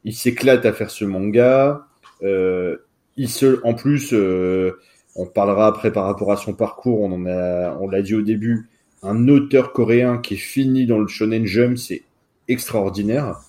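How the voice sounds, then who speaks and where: A man's voice: fairly low pitch, unhurried, dark tone. A man co-hosting a casual chat, enthusiastic, often restarting his sentences. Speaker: podcast co-host. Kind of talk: casual chat about manga.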